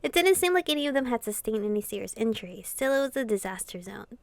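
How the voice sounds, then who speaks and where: A fairly high-pitched, gravelly-voiced woman streamer reads a visual novel aloud, talking fast and very animatedly. Between lines she slips into casual, giggly, chatty let's-play commentary. The recording is dry.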